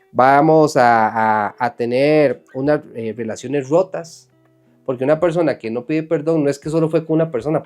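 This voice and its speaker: Guy preaching a sermon, earnest and lively, does little voices for ppl he quotes, quiet guitar behind. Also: a little high. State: sweating from emotion.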